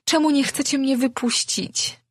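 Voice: high-pitched, fairly even intonation, measured pace, no echo, studio quality, voice pushed up. A reader voicing a frightened, defiant young daughter of a sea king, pleading and crying out. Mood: desperate. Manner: pleading, then shouting.

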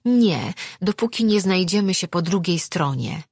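A woman's voice: animated, measured pace, a little mellow, husky, dry recording, studio quality, heavily acted. A woman voicing a timid but determined young sea-dwelling girl, breathless and eager. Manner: breathless, eager, high-pitched.

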